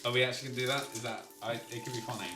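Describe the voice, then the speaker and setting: A man's voice: mid-range voice, little pitch movement, racing. A man playing a tabletop game, talking bluntly and jokingly with plenty of swearing. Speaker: player. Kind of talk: casual game chat. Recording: roomy, distant mic with background music.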